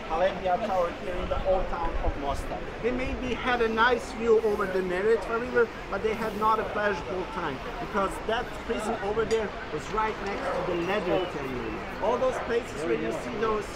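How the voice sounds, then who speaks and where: Male tour guide, high pitch, explains and points things out, recorded outside over heavy street noise. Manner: explanatory, pointing out sights to guests. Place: outdoors in an old town street. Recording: loud street noise outdoors.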